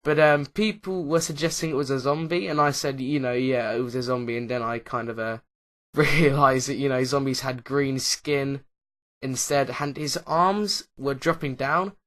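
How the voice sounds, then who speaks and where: A man with a middle-pitched voice talks casually over his own game footage. He hesitates constantly, filling gaps with uh, um and like. He often loses his thread and restarts a sentence. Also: moderate pace, fairly bright tone. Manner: hesitant, lots of uh and um fillers; rambling, loses track mid-sentence. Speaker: YouTuber, Minecraft Let's Player. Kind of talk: casual commentary over gameplay.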